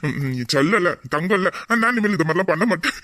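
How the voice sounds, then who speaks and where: A voice actor playing a playful young husband in a romantic audio drama, teasing and coaxing, often dropping to soft low murmurs. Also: expressive, fast.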